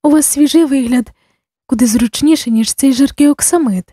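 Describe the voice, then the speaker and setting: A woman's voice: high voice, normal speed, dark tone, no echo, studio quality, lightly acted. A woman doing a gushing bishop's wife. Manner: effusive, sociable. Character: chatty gushing middle-aged bishop's wife.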